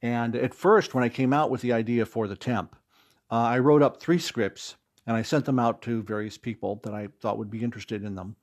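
Fairly quick and fairly even in intonation, the medium-pitched voice comes from a middle-aged man with an American accent from Fort Wayne, Indiana. The interview guest, a stage actor who also makes audio dramas, tells anecdotes with emphatic stresses in a chatty way.

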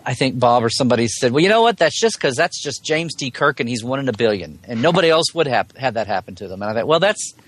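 A very animated man with a medium-pitched voice talks at a quick pace with few pauses, recorded dry. As a Star Trek blogger guesting on a podcast, he rambles through a casual fan conversation in colloquial language, often rephrasing partway through a thought.

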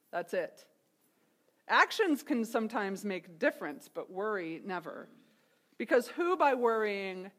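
Wry, conversational woman preaching. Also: on the high side. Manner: wry and conversational, with playful asides. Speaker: pastor. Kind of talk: sermon.

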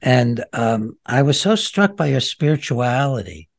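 A man hosting an on-air interview, asking rambling, warm questions full of restarts and fillers. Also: mid-range voice, lively intonation, unhurried, dry recording. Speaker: interviewer, host.

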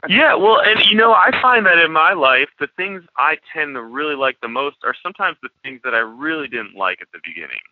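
A man's voice: a little high, expressive, brisk, hardly any pauses. A male podcast host asking curious questions and agreeing often in a casual interview. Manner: curious, with lots of agreeing backchannels. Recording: dull lo-fi dry sound.

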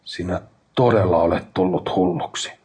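A man reading the first-person narrator's own dialogue in an audiobook, in a quiet, firm, pleading tone. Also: low voice, sing-song, breathy edge, full character voice. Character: shaken sibling confronting a mad brother.

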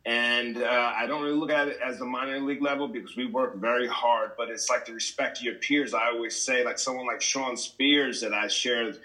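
A man's voice: medium pitch, fairly even intonation, brisk, few pauses, sharp tone, rough recording. A man, a veteran pro wrestler, talking earnestly about his career and giving advice with hesitant restarts. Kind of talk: casual interview chat.

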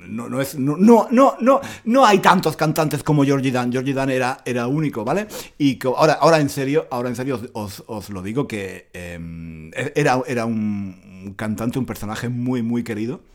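Laughing Spanish man teaching slang. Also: mid-range voice. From Spain. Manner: animated, laughs often, repeats words for learners. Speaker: Spanish teacher podcast host. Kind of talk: casual explanatory podcast lesson.

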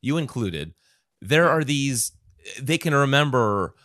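A middle-aged man hosting a podcast, chatting casually with many halting restarts. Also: mid-range voice, sing-song, fairly bright tone, no room sound, clean studio sound. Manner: halting, restarts often, friendly questions. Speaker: podcast host.

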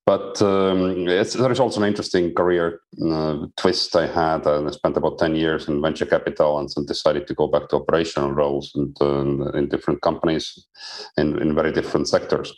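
A middle-aged or older man speaking as a panel guest, explaining business in a measured, conversational way. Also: extremely low pitch, little pitch movement, darkish tone. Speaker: company chief executive, panel guest.

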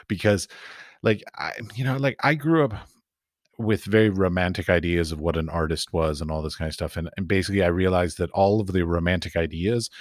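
Deep-voiced American man, rambling host. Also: no room sound, studio quality. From United States. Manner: rambling, animated, lots of fillers. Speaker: podcast host. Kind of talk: casual interview chat.

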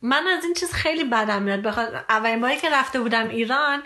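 A woman's voice: on the high side, pushed and bright. A woman co-hosting a casual podcast, chatting freely and steering the conversation with prompts and questions. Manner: chatty, leads the conversation, prompting her co-host. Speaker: podcast host. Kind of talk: casual co-hosted podcast chat.

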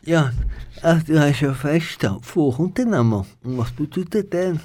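A man with a Swiss German accent hosts a talk show in a radio studio. His voice sits a little high for a man, and he keeps the conversation moving with quick affirmations. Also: lively intonation, a little mellow. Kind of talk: radio interview.

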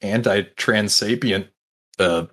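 A man's voice: on the low side, takes it slowly, a bit bright, breathy edge. A man playing in a tabletop game, describing his moves hesitantly, with stammered restarts. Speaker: player. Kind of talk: casual tabletop play.

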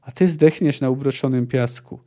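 A man reading aloud, voicing a stone-faced male swordsman who speaks quietly and ominously. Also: mid-range voice, moderate pace, close to an everyday voice. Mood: grim. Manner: quiet, menacing.

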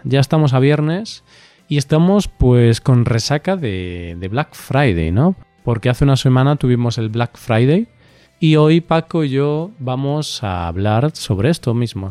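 A man's voice: medium pitch, darkish tone, no room sound. Chatty Spanish man hosting, dry sound. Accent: Spanish, Spain. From Spain. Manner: chatty, laughs often, tags questions with ¿no?. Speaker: podcast host and Spanish teacher. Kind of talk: casual podcast chat for language learners.

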